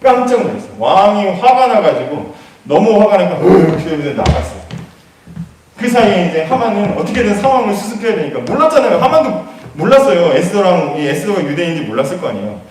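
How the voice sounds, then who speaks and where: Male pastor, slightly high voice, animated storyteller, recorded from a distance in a very echoey room. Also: quick pace, a little hiss or hum. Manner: animated retelling that acts out the characters' lines. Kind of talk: storytelling sermon.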